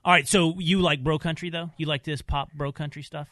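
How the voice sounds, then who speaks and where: A man's voice: fairly high pitch, steady tone, brisk, a bit bright, dry recording. A man hosting a radio talk show, chatting casually and joking with guests in the studio. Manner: joking, bantering, self-described country snob.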